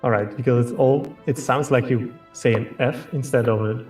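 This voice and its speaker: A man's voice: medium pitch, steady tone, normal speed, darkish tone. A man chatting casually and advising a friend on strategy during a game, recorded in a roomy space away from the mic. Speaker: fellow player advising on strategy. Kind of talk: casual gaming chat. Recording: roomy, distant mic, music behind.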